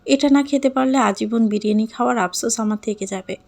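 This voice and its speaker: Female storyteller, lively first-person narration, higher pitch. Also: brisk, vocal fry.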